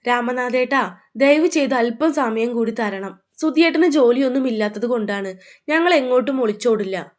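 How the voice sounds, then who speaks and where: A woman's voice: fairly high pitch, lively intonation, moderate pace, close to an everyday voice. A woman voicing a frightened young mother who pleads with a trembling voice in a storybook reading. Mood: pleading. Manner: trembling, tearful.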